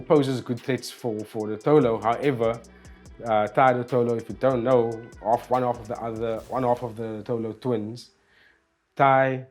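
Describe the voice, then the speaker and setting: A man's voice: medium pitch, a little mellow. A man hosting a casual fight preview, talking loosely with frequent restarts and repeated words. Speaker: host.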